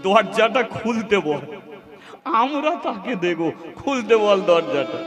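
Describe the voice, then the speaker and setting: A man's voice: high-pitched, sing-song, takes it slowly, music in the background. A man telling a devotional story as a kirtan preacher before a seated audience, asking the listeners questions and repeating lists. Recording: reverberant live recording with instruments.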